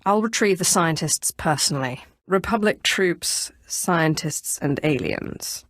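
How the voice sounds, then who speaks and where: A woman's voice: on the low side, lively intonation, measured pace, dry recording, clean studio sound. A woman voicing an imperious, sardonic female Sith lord in a video game, speaking with haughty, cool menace. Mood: commanding. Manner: haughty, coolly threatening, dryly sardonic. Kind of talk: video game character voice acting.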